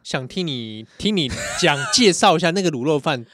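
A woman with a Taiwanese accent co-hosting a casual podcast, teasing her partner with quick questions and playful remarks. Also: deep voice, lively intonation, a bit bright, no echo, clean studio sound. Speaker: podcast co-host. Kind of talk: casual chat.

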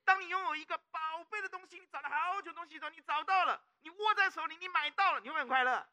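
A man's voice: very high-pitched, rapid-fire. A middle-aged male pastor with a Taiwanese Mandarin accent, preaching a sermon and often prompting the congregation with questions. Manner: animated preaching with call-and-response questions.

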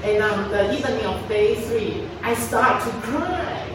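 A woman from Taiwan in her forties, Mandarin her first language, shares a personal story in a chatty way, repeating herself and laughing often. Her voice sits fairly high. She is heard from a distance in a strongly echoing room with clear noise behind her. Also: lively intonation, unhurried. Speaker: speaker at a sharing event. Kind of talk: personal testimony talk. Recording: echoey room from far off, noisy.

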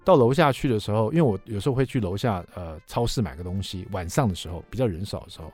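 A middle-aged man, a radio show host telling a funny story about himself in an animated way. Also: low-pitched, fast, breathy edge, soft background music. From Taiwan. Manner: animated, self-mocking anecdote telling. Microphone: studio microphone.

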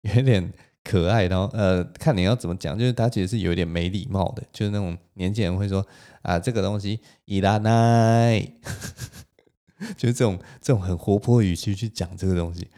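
A man with a Taiwanese Mandarin accent, telling a story on his own podcast in a lively way and laughing now and then. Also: sits low, fast talker. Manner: animated, laughs between lines. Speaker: podcast host. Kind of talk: solo storytelling.

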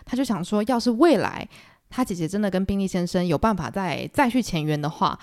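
A young woman with a Taiwanese Mandarin accent, hosting a chatty solo book-club podcast. She talks very fast and animatedly, in a middle-range voice. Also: mid-range voice. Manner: chatty, animated, acts out the quotes. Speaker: podcast host. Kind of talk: casual book-club retelling.

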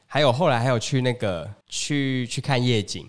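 A man from Taiwan co-hosting a casual podcast chat, telling travel stories in an animated way and acting out the people he overheard. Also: medium pitch, moderate pace. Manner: animated storyteller, acts out overheard people in raised voices. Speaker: podcast co-host.

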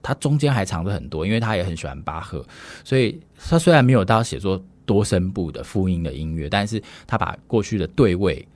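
A man, a music scholar explaining in a measured, lecturing way with frequent fillers. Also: sits low, lively intonation, a little mellow. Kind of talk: explanatory podcast conversation.

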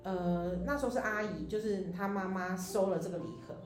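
A woman co-hosting a podcast with a Taiwanese Mandarin accent, telling a personal story in a rambling, animated way with quoted dialogue. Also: mid-range voice, a little fast. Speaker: podcast co-host. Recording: echoey room with faint music.

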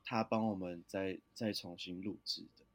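Low-voiced band member telling a story. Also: male voice, moderate pace. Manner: relaxed storyteller, acts out quotes. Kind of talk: casual storytelling in an interview.

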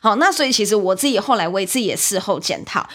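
A young woman with a Taiwanese Mandarin accent, hosting a podcast and telling a story in a chatty, animated way, with many fillers and repeats. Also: mid-range voice, fast. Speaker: podcast host, livestreamer. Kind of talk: casual storytelling monologue.

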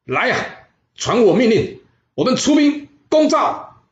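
A man voicing an arrogant, hot-tempered ancient king who shouts and scorns his advisers. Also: mid-range voice, fast, lightly acted. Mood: furious. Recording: roomy, slightly dull audio.

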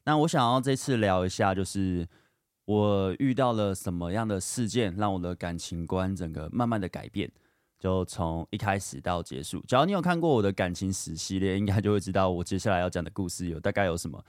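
A young man hosts a podcast, telling personal stories in a chatty, candid monologue packed with fillers and turning animated as he retells them. His voice is low and a little fast. The sound is clean studio quality with no echo.

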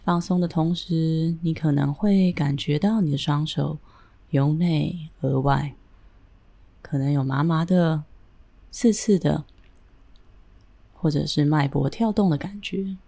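Woman, deep-toned voice, very slow delivery, soothing, gentle, guided relaxation narration. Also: gravelly. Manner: calm, gentle, soothing, with deliberate pauses. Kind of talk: guided breathing and body-relaxation meditation narration.

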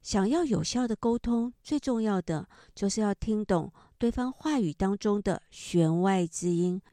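A middle-aged woman speaks with a gentle, explanatory manner, softening her phrases with drawn-out particles as she talks about her book and tells stories. Her voice is mellow and warm, and the sound is dry and close to the mic. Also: mid-range voice, no room sound. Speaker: author and counselor. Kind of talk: book talk with storytelling.

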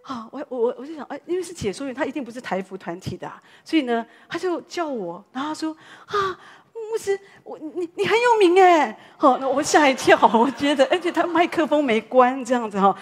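A woman pastor, preaching a sermon as a lively story full of exclamations. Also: on the high side.

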